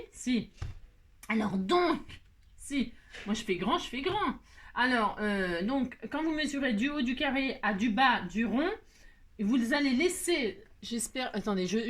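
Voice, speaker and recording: A middle-aged woman hosting a casual crafting tutorial at her table, chatty and self-mocking, laughing at herself. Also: a little high.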